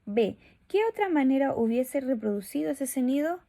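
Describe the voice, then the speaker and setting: A woman's voice: high-pitched, expressive, moderate pace, creaky, mellow. A woman teacher recording a video lesson for schoolchildren, friendly and often checking in with her pupils. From Chile.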